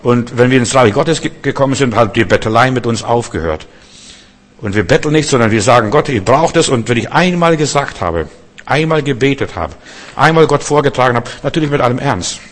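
A male preacher delivers a sermon in a folksy, direct way, turning to the listener again and again. His voice sits at an ordinary middle pitch and swells into emphatic peaks. The sound hangs in a long hall reverb. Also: expressive, brisk. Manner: conversational, addresses listener as du, builds to emphatic outbursts.

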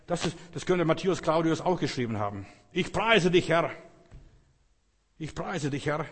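Emphatic preacher in a reverberant hall. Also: male voice, medium pitch. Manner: emphatic, swings between loud exclamations and hushed tones. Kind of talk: sermon. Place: church hall. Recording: long church hall reverb.

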